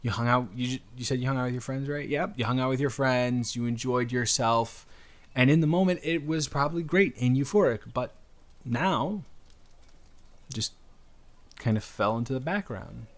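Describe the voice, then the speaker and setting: In an intimate audio roleplay, a man plays a wholesome, flirty stranger, talking directly to the listener at a medium pitch and moderate pace, close to his everyday voice. He rambles and hesitates, sounding earnest and reassuring with a gentle teasing streak.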